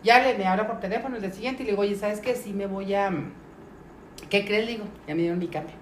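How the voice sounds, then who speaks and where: A woman's voice: mid-range voice, quick pace. Mexican woman telling a story in a roomy room. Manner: lively, acts out the voices of people in her story. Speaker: podcast guest. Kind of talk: casual storytelling. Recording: roomy recording with faint noise.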